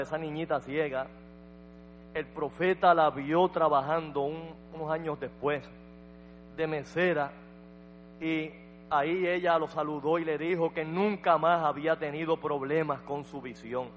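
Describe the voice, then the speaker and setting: Slow-spoken high-voiced male pastor. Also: in a large hall, lo-fi sound, slight background noise. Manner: dramatic storytelling with frequent amens. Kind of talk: sermon.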